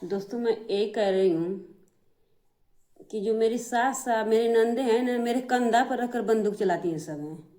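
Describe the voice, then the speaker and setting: A woman's voice: on the high side, moderate pace, mellow. A middle-aged woman, vlogging to camera and airing family grievances in an aggrieved, repetitive way. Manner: aggrieved, repetitive, addresses viewers directly. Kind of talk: emotional family complaint to camera.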